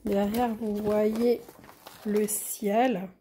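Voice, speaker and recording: A woman's voice: medium pitch, little pitch movement, extremely slow, warm tone, slight background noise. A French-accented woman chatting casually as she unboxes a craft kit, enthusiastic and often dropping to a near whisper. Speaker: craft vlogger.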